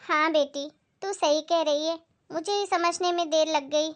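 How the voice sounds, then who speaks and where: A woman doing a sharp-tongued middle-aged mother-in-law in a family moral skit. She scolds in a very high voice. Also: fairly even intonation, measured pace. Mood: remorseful. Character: nagging middle-aged mother-in-law who avoids housework.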